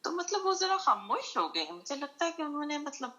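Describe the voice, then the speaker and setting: A woman's voice: high-pitched, big pitch swings, bright, forceful tone, rough recording. A middle-aged woman oncologist speaking earnestly in a remembrance talk, mixing English phrases into her speech.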